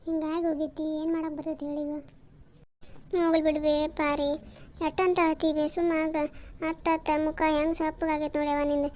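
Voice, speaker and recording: Cartoon: woman voicing a quick, high-voiced, bossy village woman with a North Karnataka accent. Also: flat delivery, darkish tone, lightly acted. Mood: soothing. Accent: North Karnataka Kannada. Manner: brisk, bossy, reassuring. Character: chatty village woman consoling her friend. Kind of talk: cartoon comedy voice acting.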